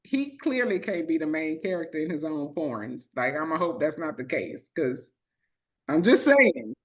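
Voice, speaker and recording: A sarcastic woman from Texas co-hosting a political chat show, with a pitch that leaps and swoops as she talks. She delivers points with emphatic, joking asides. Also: sing-song. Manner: sarcastic, emphatic, quick to joke. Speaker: podcast co-host.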